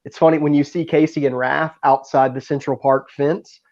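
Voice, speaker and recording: A man's voice: fairly high pitch, fairly even intonation, moderate pace, darkish tone, highs cut off. A man chatting as a guest on a video call, enthusiastic and full of stories. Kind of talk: casual video-call chat.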